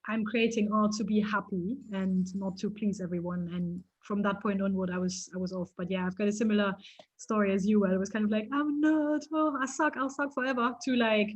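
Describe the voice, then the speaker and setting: A woman from East Germany, a photographer, telling stories in a casual interview with lively restarts and laughter. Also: mid-range voice, a little fast, lo-fi sound. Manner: animated storytelling, frequent restarts and laughs.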